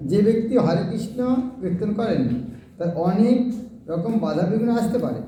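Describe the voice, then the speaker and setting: A man leading a devotional scripture class, questioning his listeners and answering himself, chanting verses slowly. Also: high-pitched, lively intonation, mellow. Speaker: Gita class teacher. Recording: echoey hall, far from the mic, crowd noise.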